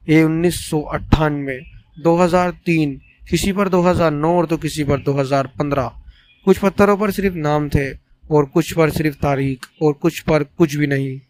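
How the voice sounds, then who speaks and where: A man telling a scripted first-person horror story in a steady, suspenseful way. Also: fairly high pitch.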